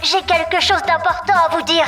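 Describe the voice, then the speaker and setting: A woman playing a secretive, anxious young pop singer, speaking hushed and hesitantly into a phone in a children's skit. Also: very high-pitched, level tone, fairly quick, echoey room, recorded from a distance, over loud music.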